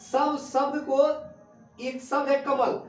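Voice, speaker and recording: A man's voice: extremely high pitch, little pitch movement, takes it slowly. A male teacher giving a classroom lesson, asking his students questions and repeating their answers. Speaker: Sanskrit teacher. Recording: echoey classroom recorded from a distance.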